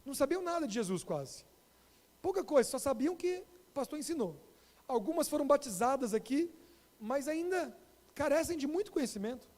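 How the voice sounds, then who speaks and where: A Brazilian pastor with a Brazilian Portuguese accent, telling a story in an animated sermon and addressing the congregation directly. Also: male voice, very high voice, normal speed. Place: church. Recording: long reverb of a church hall.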